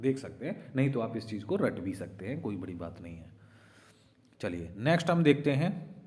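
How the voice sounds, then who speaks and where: A man with a warm, medium-pitched voice teaches an exam-prep lesson, patiently explaining and sounding out vowels aloud. He often asks "right?" and calls his students children.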